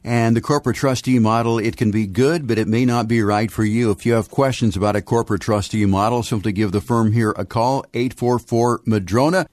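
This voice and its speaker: A man's voice: lowish voice, dry recording, studio quality. A man hosting a radio show, delivering promotional announcements in a scripted presenter style.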